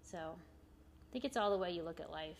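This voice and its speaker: A woman's voice: lowish voice, moderate pace, a little hiss or hum. A woman in her forties, a shop owner and arts volunteer, chatting casually as a guest and rambling with many "you know" fillers. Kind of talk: casual conversation.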